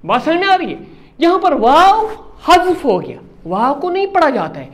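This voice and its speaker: Very high-voiced, lively male teacher. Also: moderate pace. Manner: repeats key words and quizzes pupils, praising often. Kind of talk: classroom lesson.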